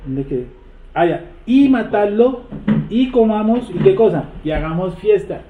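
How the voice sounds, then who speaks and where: Male Bible teacher, fairly high voice, echoey room, tinny phone-like sound; asks the group questions. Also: lively intonation, slight background noise. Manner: asks the group questions, repeats verses slowly. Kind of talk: interactive Bible study teaching.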